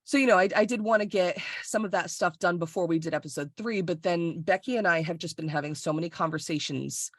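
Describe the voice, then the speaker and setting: Speaking briskly with hardly any pauses, a woman with a lower voice co-hosts a podcast from Florida. She chats casually and bluntly over a video call, swearing freely and laughing often, in studio-quality audio with no room sound.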